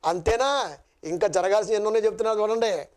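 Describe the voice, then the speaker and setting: A man preaching a sermon, firing rhetorical questions at his listeners and reading scripture slowly, his voice leaping between high and low. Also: clean tone. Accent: Telugu. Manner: sudden jumps between high and low pitch; slow measured scripture reading. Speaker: preacher, Bible college director. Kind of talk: Telugu sermon.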